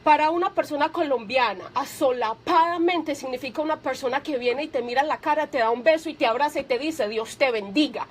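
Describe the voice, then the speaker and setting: High-voiced woman preaching fervently on radio. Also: slight background noise. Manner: reads scripture slowly and with emphasis.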